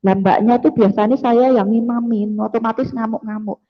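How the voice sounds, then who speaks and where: A woman's voice: a little high, steady tone, a little fast. Woman telling a testimony in a big echoing hall, dull lo-fi sound. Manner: earnest storytelling, addresses listeners as brothers and sisters; slips into Javanese words. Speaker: testimony speaker. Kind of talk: testimony to a congregation. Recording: dull lo-fi audio with long reverb.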